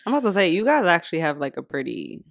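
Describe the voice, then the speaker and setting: A young woman co-hosting a podcast, talking casually and hesitantly, often pausing and restarting. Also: fairly low pitch, very animated, creaky, no room sound, studio quality. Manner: hesitant, full of restarts and fillers. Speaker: podcast co-host. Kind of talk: casual chat.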